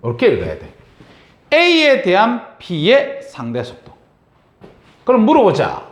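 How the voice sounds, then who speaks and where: A man's voice: sits high, slow pace, roomy sound. A man teaching a science class, lecturing and often checking in with his students. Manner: lively, asks students frequent check-in questions.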